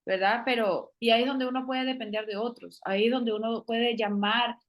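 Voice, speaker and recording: Guest, woman, middle-aged, higher voice, earnest testimony talk, restarts often, slips in English phrases. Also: steady tone, normal speed. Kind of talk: casual testimony conversation.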